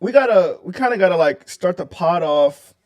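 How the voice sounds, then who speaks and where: A man hosting a casual sports podcast, talking loud and slangy with lots of laughing. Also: high voice, animated, moderate pace, dull audio. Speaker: podcast host.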